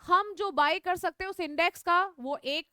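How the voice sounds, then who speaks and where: A woman teacher leads a live online class, switching between explanation and quick questions to her students. Her voice is very high and bright. The sound is dry and close. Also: no echo. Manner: repeats key points, checks in with students; mixes English phrases into Hindi.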